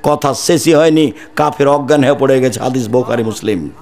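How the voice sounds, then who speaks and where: A middle-aged male Islamic preacher from Bangladesh delivering a fiery sermon, forceful and declamatory, swinging from loud high preaching to low quiet asides. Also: a little fast. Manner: says he speaks harshly on purpose.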